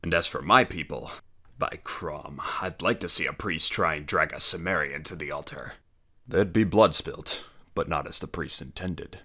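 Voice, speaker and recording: A hulking barbarian warrior, as a male reader puts him on, growling and blunt, with a scornful edge to every line. The voice sits very low and deep, as told in an audiobook. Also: normal speed, bright, forceful tone, heavily acted. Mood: gruff. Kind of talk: audiobook character voice.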